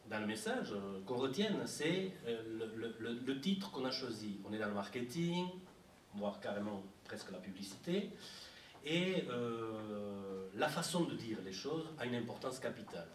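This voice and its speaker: A man lecturing at a university, animated and chatty, full of fillers and repeated words. His mid-range voice sounds roomy and far from the mic, with faint background noise. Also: mid-range voice. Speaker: translation lecturer. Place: university library lecture room. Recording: echoey room, mic from far off.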